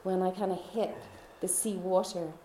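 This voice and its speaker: A woman telling a personal faith story in a chatty way, laughing often and dropping into soft whispers. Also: on the low side, steady tone, normal speed, reverberant, a little hiss or hum. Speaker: speaker.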